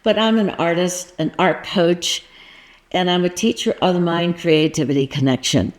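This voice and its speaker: With a fairly low pitch and a darkish tone, a woman artist and art coach starts off chatting casually with viewers, then walks through her painting process. Along the way she jokes about getting frustrated and playfully quizzes the viewer.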